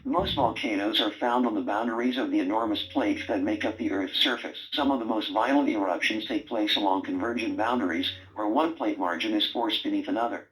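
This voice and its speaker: A man's voice: fairly low pitch, a bit bright, close to an everyday voice, rough recording. A man voicing a wisecracking male talking brain robot toy that teases its owner and gives quiz-style prompts. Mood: reciting facts. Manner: sarcastic, teasing, bossy quiz-style prompts. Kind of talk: toy voice lines.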